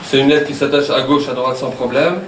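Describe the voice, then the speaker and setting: A male teacher from Wallonia, speaking with a Walloon Belgian French accent, guides a class through new material patiently, repeating and checking understanding with a joke now and then. His voice sits at an ordinary pitch. The mic catches him from a distance, in a classroom with a lot of echo and some faint noise. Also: fairly even intonation, a little fast. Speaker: Arabic teacher. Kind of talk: classroom lesson. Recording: echoey classroom from far off.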